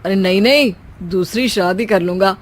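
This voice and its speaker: A woman does cartoon voice acting as a bossy young husband, an office worker, who keeps teasing his wife with joking remarks. She uses a natural, mid-range voice at a moderate pace, with a teasing mood.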